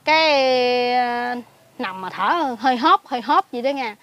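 A woman with a Mekong Delta Southern Vietnamese accent tells her story in a casual spoken way, seated outdoors in a pomelo garden. Her voice sits fairly high, and she drops to hushed asides before bursting into excited exclamations. She speaks as a lay Buddhist recluse answering an interviewer. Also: unhurried. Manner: animated, jumps between hushed asides and excited outbursts.

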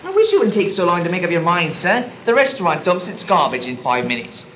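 A man's voice: high-pitched, sing-song, fairly quick, a bit bright, slight background noise. A man doing a wheedling waterfront hustler. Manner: persistent salesman patter, stammering, keeps saying sir. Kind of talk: improvised comedy sketch.

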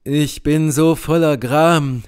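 A man's voice: on the high side, steady tone, takes it slowly, a little mellow, smooth. A man voicing a grieving old father. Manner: heavy, sorrowful. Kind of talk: audiobook character reading.

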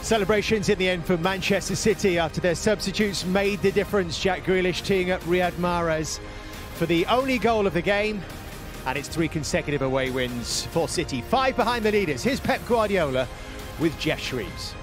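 A man presenting football coverage pitchside, with brisk, polished links. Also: over music. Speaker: television presenter. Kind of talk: broadcast presenting. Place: outdoors pitchside at a stadium.

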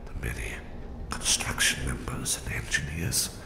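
In an ASMR roleplay, a man plays a sinister Russian psychic mastermind holding a captive, gloating coldly with menace. His full character voice is extremely deep and gravelly with creak, spoken in deliberate, breathy whispers. It echoes in a roomy space, with some background noise.

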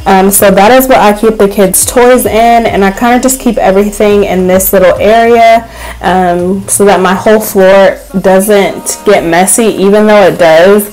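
A young woman casually narrating her home cleaning vlog in a relaxed, chatty way, with frequent filler words. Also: medium pitch, measured pace, poor audio. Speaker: cleaning vlogger. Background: faint background music.

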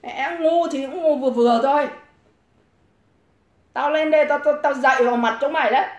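A woman's voice: high-pitched, a little fast. A woman hosting a livestream, ranting combatively and hurling insults and taunts at her critics. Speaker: livestream host. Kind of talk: profane livestream rant. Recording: echoey room.

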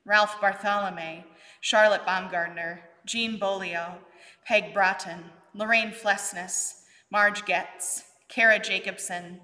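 Bright-voiced woman pastor praying. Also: medium pitch, fairly even intonation. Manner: measured, solemn, with arms raised in prayer. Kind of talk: leading liturgy and intercessory prayer. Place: church sanctuary, indoors. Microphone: fixed camera at mid distance. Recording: reverberant church sanctuary.

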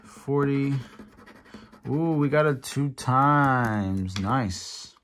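A man's voice: medium pitch, very slow. A man hosting a casual tabletop video, giving running commentary and calling out numbers in short, clipped phrases. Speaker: host of a scratch-off ticket video. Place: indoor tabletop in a room. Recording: steady scratching and clicking noise. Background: scratching of lottery tickets, clicks.

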